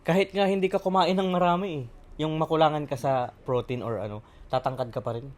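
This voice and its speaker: A man's voice: a little high, steady tone, fast talker. A man from the Philippines chatting casually on a podcast, telling stories with plenty of fillers. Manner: chatty, storytelling, many fillers. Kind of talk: casual chat.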